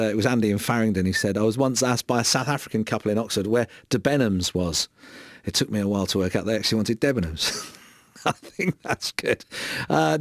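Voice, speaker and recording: A man's voice: lowish voice, no echo, studio quality. A man hosting a casual radio chat show, chatty and chuckling as he reads out listener texts. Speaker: radio presenter. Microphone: studio microphone.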